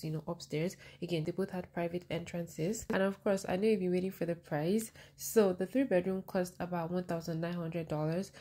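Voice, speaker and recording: A woman with a lowish, mellow voice talks through a house tour in a relaxed, chatty way. She keeps slipping in "you know" as she explains the rooms. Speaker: vlogger giving rental house tours. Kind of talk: casual voice-over for a house tour.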